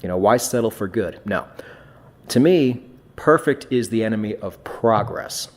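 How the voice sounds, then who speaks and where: A man's voice: fairly low pitch, lively intonation, moderate pace, a little mellow. A man hosting a podcast in casual chat, blunt and swearing freely, often restarting his phrases. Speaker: podcast host.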